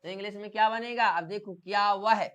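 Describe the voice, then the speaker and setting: English teacher guy, clean smooth voice, keeps asking the class the same thing over and over. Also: high voice, steady tone, a little fast, a bit bright, muffled recording. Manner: drills by asking and repeating questions. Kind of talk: classroom grammar lesson.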